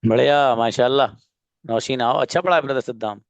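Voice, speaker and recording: Male online English teacher, smooth clear voice, dry close sound, drills sentences slowly and calls on students. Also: mid-range voice, no echo, highs cut off.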